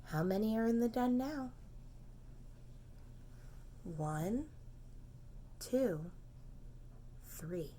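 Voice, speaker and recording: This teacher's voice is a little high and expressive, with a slight hiss or hum. She reads a picture book aloud to preschoolers at a gentle, unhurried pace, whispering softly at times and asking the children to join in.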